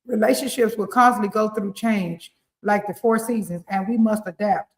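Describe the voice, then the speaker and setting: A woman with a rural Southern US accent, co-hosting a casual live-stream morning show as a relationship coach and giving lively, preachy advice with frequent laughs. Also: medium pitch, moderate pace. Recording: roomy echo.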